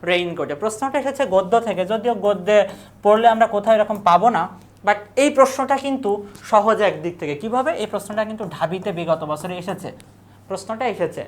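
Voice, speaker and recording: A woman's voice: mid-range voice, expressive, fast. A woman teacher, giving an exam-prep lecture. She asks questions and then answers them herself, and she repeats key words and lists.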